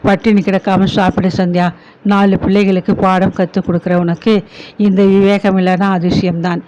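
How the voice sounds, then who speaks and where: A grieving older widowed aunt, patient and consoling, read by a man. The voice sits high but moves little in pitch. The recording is dull and lo-fi. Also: level tone, moderate pace, noisy background, lightly acted. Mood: gentle. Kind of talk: audiobook story reading.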